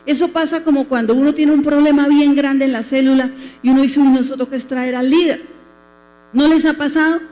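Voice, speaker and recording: Colombian woman pastor, high-pitched, preaching to the congregation in a reverberant hall over faint music. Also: fairly even intonation, brisk, warm tone. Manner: preaching with questions to the congregation and acted-out quotes. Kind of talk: sermon. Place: church.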